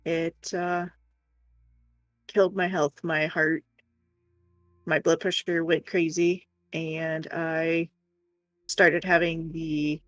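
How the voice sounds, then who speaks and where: Telling stories in a casual chat, this woman streamer is blunt, exasperated, and sweary. She speaks slowly in a low, level voice, pausing often, with no room sound and faint background music.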